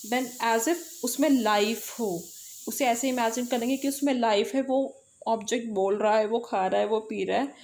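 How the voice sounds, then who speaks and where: A woman with an Indian accent teaching an English lesson, explaining slowly and repeating key points. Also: fairly high pitch, darkish tone. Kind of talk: online lesson, mixing English and Hindi.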